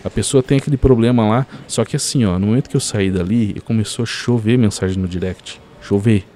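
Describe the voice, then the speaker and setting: A man's voice: on the low side, fairly quick, a little hiss or hum. A man telling a story as a podcast guest, full of fillers like "cara". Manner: animated storyteller, many fillers like "cara" and "assim, ó".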